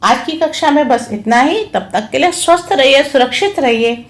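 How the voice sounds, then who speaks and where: A woman teacher giving an online lesson to young schoolchildren, spelling out each sound slowly and repeating words patiently. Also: high-pitched, animated. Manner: slow, careful, spelling out each sound and syllable.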